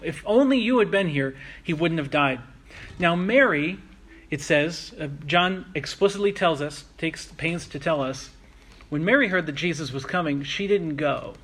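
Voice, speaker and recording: A man preaching a sermon, earnest and reflective, slowing down to stress key phrases. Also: a little high, fairly bright tone. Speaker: pastor.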